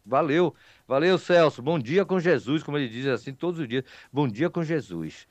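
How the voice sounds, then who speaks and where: This local radio host is a man whose slightly high voice carries lively intonation at a normal speed. He speaks Portuguese with a Bahian Brazilian accent and talks with listeners in a relaxed, folksy, rambling manner full of teasing, with no room sound in the clip.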